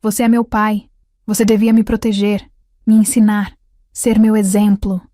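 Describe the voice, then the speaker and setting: Betrayed young son, shouting in anguish, mellow dry storybook read, voiced by a woman. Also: mid-range voice, little pitch movement, moderate pace, no room sound, close to an everyday voice.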